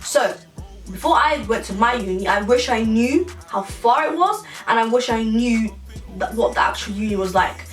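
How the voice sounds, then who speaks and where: A woman's voice: on the high side, animated, moderate pace, recorded from a distance. Chatty young woman, echoey room. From England. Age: 20s. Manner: chatty and rambling, frequent restarts. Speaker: YouTuber. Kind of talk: casual Q&A vlog. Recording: echoey room, voice a bit off-mic, music behind.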